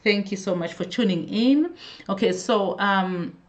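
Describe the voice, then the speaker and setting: Chatting with her live stream audience, this hair care vlogger welcomes people by name and often starts her sentences over. She speaks a little slowly in an expressive, mid-range voice.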